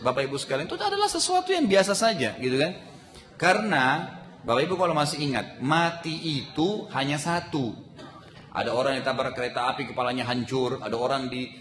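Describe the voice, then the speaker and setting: A man's voice: a little high, a bit bright. A man giving a sermon to a congregation, asking them rhetorical questions. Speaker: preacher. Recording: echoey hall with long reverb.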